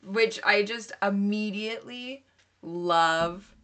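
A woman's voice: mid-range voice, slow, fairly bright tone. A woman co-hosting a casual book podcast, talking enthusiastically and filling her sentences with "like". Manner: enthusiastic, filler-heavy. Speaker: podcast co-host.

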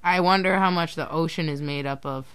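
Young woman co-host, playful teaser, slightly low voice, relaxed chat delivery. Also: brisk, smooth, dry recording. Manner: playful, teasing, laughs easily. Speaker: podcast co-host. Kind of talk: casual chat.

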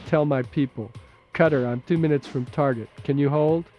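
A man's voice: medium pitch, normal speed, dull audio, soft background music, natural voice. A man voicing a tough, wounded female mercenary in an audiobook, talking in clipped, terse bursts. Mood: pained, clipped.

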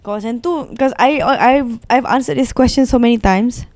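Mellow Malaysian woman, casual and colloquial. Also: on the high side, normal speed. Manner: colloquial, code-switches between English and Malay with particles like lah and macam. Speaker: podcast co-host and musician. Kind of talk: casual podcast chat.

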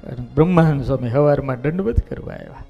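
A male monk giving a devotional storytelling sermon, lively and folksy, acting out the characters' voices. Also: mid-range voice, fast talker, creaky, soft background music. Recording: dull lo-fi recording.

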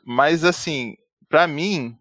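A man's voice: on the high side, extremely slow, dry recording, studio quality. A man co-hosting a podcast in casual chat, rambling with many fillers and restarts and acting out quoted dialogue. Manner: rambling, peppers speech with "né" and "tipo", restarts often; animated, acts out quoted dialogue. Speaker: podcast co-host.

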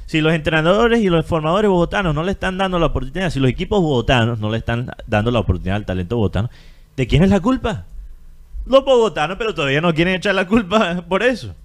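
A man's voice: fairly high pitch, lively intonation, fast talker. A man with a Colombian Caribbean coast accent, co-hosting a casual opinion chat and arguing his point with rhetorical questions. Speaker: podcast co-host.

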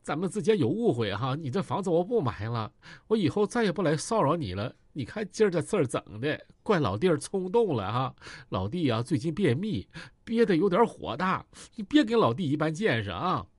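A man's voice: fairly high pitch, sing-song, a little fast, hardly any pauses, no room sound. A man voicing a cowardly, fawning male gang boss who stammers and pleads. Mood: wheedling.

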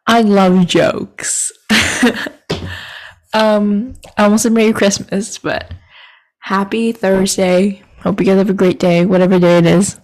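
A woman's voice: mid-range voice, fairly even intonation, slow pace, darkish tone. A young woman hosting her own podcast, chatting in a scattered, self-deprecating, giggly way into a microphone. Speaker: podcast host. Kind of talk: rambling solo podcast chat.

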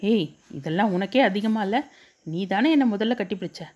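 A man's voice: sits high, lively intonation, moderate pace, a little mellow. A woman reading a teasing young lover. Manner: teasing, coaxing.

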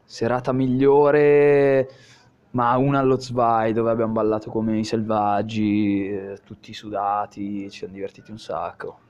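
A man's voice: fairly low pitch, flat delivery, a little slow, darkish tone, clear, resonant tone, lo-fi sound. A young man being interviewed, chatting casually and bluntly in slang with plenty of swearing. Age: young adult. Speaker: podcast interview guest.

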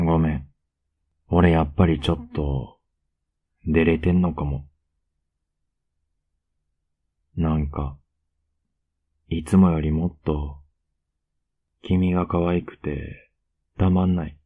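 Very deep, husky younger boyfriend, ASMR role-play, acted by a man, lilt. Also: phone-quality sound, heavily acted. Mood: bashful, smitten. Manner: soft, intimate, coaxing murmur. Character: tender, teasing, clingy younger boyfriend cuddling in bed.

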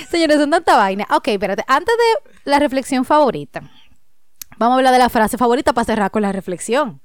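A woman co-hosting a podcast in casual chat, animated and emphatic, laughing often. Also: fairly high pitch, brisk, clean tone, no room sound, clean studio sound. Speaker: podcast co-host.

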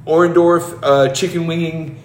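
A man in his forties from New Jersey, co-hosting a casual wrestling review chat, rambling and quick to laugh. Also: on the high side, little pitch movement. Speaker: podcast co-host. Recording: roomy room with faint background noise.

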